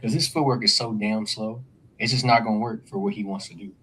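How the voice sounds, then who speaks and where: A man hosting a casual sports podcast, talking in an animated, joking, slangy way. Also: lowish voice, brisk, a crowd in the background. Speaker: podcast host.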